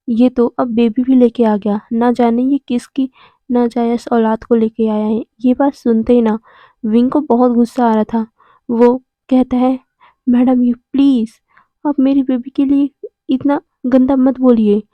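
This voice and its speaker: A woman's voice: on the high side, level tone, a little slow, no room sound. A woman retelling a fan fiction story, reading out every character's lines in her own voice. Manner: narrates and reads all characters' lines in the same voice. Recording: dull, lo-fi, dry recording.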